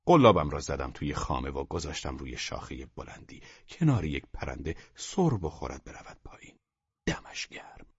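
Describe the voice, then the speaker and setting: Male audiobook narrator, very low voice, husky, calm measured reading, soft near-whispers, dull lo-fi dry recording. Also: no echo. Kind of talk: scripted literary narration.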